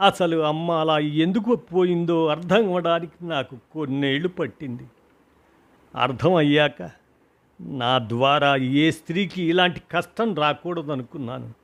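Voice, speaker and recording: A man's voice: a little high, measured pace, a bit bright. A man reading a grieving husband's story of loss, emotional and rising to cries at the peaks, in a storybook reading. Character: grieving husband recalling his mother's death.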